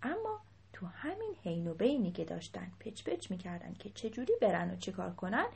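A woman telling a children's story in a lively voice, dropping into whispers at times. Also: medium pitch, vocal fry, slightly rough. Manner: animated, dips into whispers.

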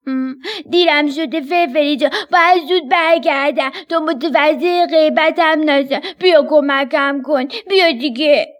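A woman voicing a messy, flustered young storybook character, whiny and hurried. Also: high voice, voice pushed up, natural voice.

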